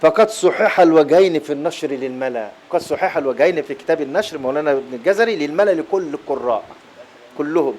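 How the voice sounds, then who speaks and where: A man with an Egyptian Arabic accent teaches a recitation class at a brisk clip, his voice sitting a little high for a man. He breaks off to chant short verse fragments and repeats single words slowly to drive them home. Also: expressive, a little mellow, a little hiss or hum. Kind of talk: classroom lesson on recitation readings. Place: lecture hall at an Islamic boarding school.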